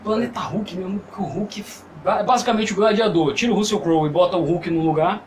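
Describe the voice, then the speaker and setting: A man co-hosting a casual group chat about films, talking in long animated runs with many restarts. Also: high-pitched, fast talker, a little hiss or hum, low-quality recording. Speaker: podcast co-host.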